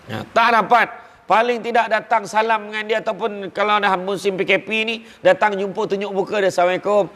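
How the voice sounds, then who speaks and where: A man with a Malaysian Malay accent giving an animated, jokey religious talk, acting out the people he quotes. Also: sits high, long reverb tail. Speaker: preacher.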